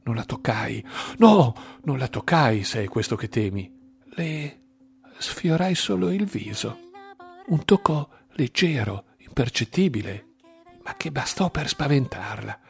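A man voicing a tormented man who confesses a tragic death, hushed and pleading by turns. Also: medium pitch, sing-song, unhurried, vocal fry. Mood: hushed confessing. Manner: hushed, pleading, rising to desperate cries.

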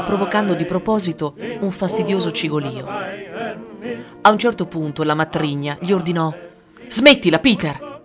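A narrator reading a first-person story aloud with steady storytelling. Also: mid-range voice. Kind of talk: audiobook narration. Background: music.

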